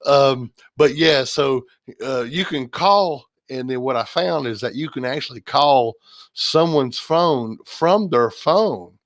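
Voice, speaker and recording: A man's voice: medium pitch, takes it slowly, no room sound. A man hosting a livestream, talking casually and rambling, with lots of fillers and restarts. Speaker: livestream host. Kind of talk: casual chat.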